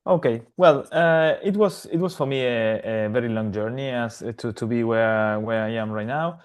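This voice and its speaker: A man from Argentina, a podcast guest, answering interview questions in a halting way with many repeated words and restarts. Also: mid-range voice, smooth. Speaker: podcast guest, AI governance consultant.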